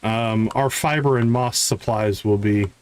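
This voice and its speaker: Streaming a farming game live, this host chats in a friendly way and calls out viewers by name as he plays. His voice sits on the low side and he's unhurried, with a little hiss or hum in the audio.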